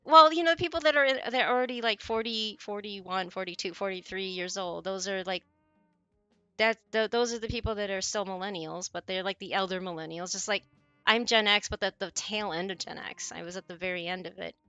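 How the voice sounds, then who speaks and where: A woman's voice: medium pitch, brisk, pushed and bright, clear, resonant tone, dry recording, soft background music. A woman in her forties, chatting casually with viewers on her stream, rambling and often correcting herself mid-sentence. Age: 40s.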